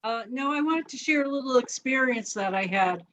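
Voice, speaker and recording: A woman sharing a personal memory on a group video call, halting, with soft laughs and apologies. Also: sits high, expressive. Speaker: community member sharing a memory. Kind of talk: casual storytelling on a group call.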